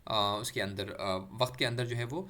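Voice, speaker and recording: A man teaching Quran recitation, explaining letters patiently and drawing out sounds slowly for practice. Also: fairly low pitch, steady tone, pushed and bright. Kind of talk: explanatory lesson with demonstrated pronunciation.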